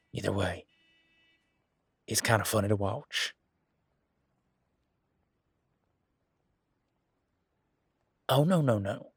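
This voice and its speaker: Man playing Gavin, gravelly low-voiced flirty werewolf. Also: slow pace, a bit bright, no room sound, studio quality, full character voice. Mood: amused, flirty. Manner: teasing, informal, conversational. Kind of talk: roleplay audio drama, one side of a dialogue.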